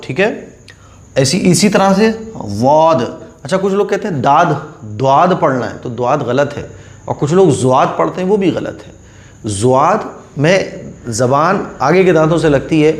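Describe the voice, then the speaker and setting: A man gives a patient Quran reading lesson in a slightly raised voice. He drills each letter slowly and repeats the rule often. The room around him is echoey. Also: fairly high pitch, expressive.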